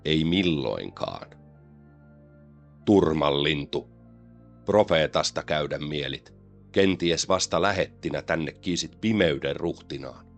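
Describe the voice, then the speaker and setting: A man with an extremely deep, low voice reads a gothic poem aloud. His delivery is slow, solemn and measured, with faint music behind him. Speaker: poetry reader. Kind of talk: dramatic poetry recitation.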